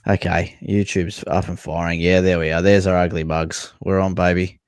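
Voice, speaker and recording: A man with a low voice hosts a sports podcast. He talks in loose, sweary slang like he's among mates, recorded close and dry. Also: flat delivery, moderate pace, clean tone, dry recording. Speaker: podcast host. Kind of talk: casual sports podcast banter.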